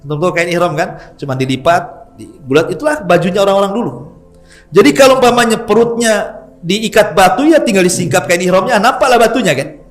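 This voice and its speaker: A middle-aged man, preaching in a lively, chatty storytelling style and joking with his listeners. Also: high-pitched, a little fast, soft background music. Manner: lively, chatty, jokes with the audience. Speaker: Islamic preacher. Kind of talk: storytelling sermon.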